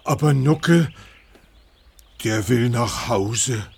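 An actor playing a kind, worried young zoo helper who talks earnestly and gently in a children's audio drama. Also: male voice, mid-range voice, slow pace, vocal fry, slightly rough, heavily acted. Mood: pleading.

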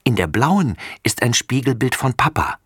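A man's voice: mid-range voice, very animated, moderate pace, breathy edge, dry recording, voice pushed up. An impatient big sister who scolds her little brother, put on by a man reading a storybook. The voice sits well above the reader's own and sounds close and dry. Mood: proud. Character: girl, bossy big sister.

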